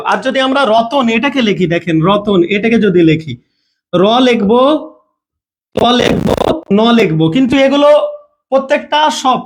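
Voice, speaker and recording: A man teaching a live online grammar class. He keeps asking his students questions, repeats them, and checks often that they understand. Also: extremely high pitch. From Bangladesh.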